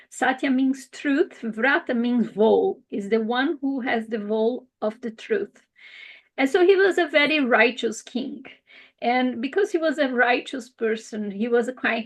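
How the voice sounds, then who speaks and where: A woman casually telling an old story, halting and searching for words as she goes. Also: a little high.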